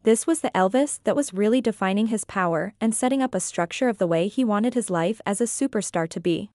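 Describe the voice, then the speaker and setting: Speaking into a close mic with no room sound, a female reviewer and author reads her script in an even, earnest, opinionated way. Her voice is medium-pitched and slightly quick.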